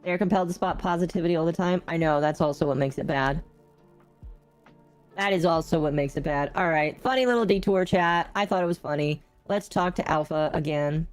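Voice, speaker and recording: Her voice lowish and her pace brisk, a woman streamer keeps up a casual, amused running chat during a live gaming session. A robotic voice changer makes her sound metallic, with soft music in the background.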